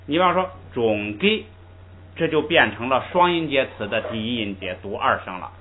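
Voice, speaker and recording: Male teacher, mid-pitched, patient step-by-step explainer; thin, lo-fi recording with faint background hiss. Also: very animated, fast. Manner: patient, explains step by step and drills pronunciation aloud. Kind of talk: classroom language lesson.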